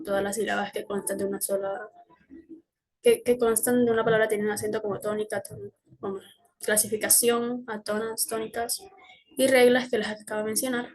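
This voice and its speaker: A young woman with a husky, breathy voice presents to her class. She hesitates often, fills pauses and corrects herself as she goes. Her pitch sits in a middle range. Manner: hesitant, with fillers and self-corrections. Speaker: student presenter.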